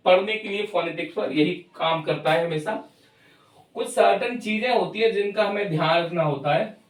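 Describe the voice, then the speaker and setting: A man teaching English pronunciation, explaining step by step and often checking in with his students. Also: high voice. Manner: explains slowly and checks in with "thik hai". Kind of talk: pronunciation lesson. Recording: echoey room, far from mic.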